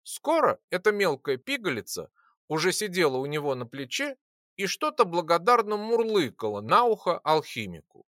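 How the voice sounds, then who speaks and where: An audiobook narrator reading a fantasy story in an expressive, animated way. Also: mid-range voice, normal speed, dry recording, studio quality.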